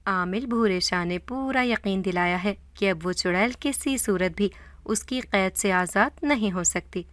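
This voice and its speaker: A woman's voice: mid-range voice, no echo, close to an everyday voice. A woman voicing a scheming, greedy middle-aged woman in a horror story. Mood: smug.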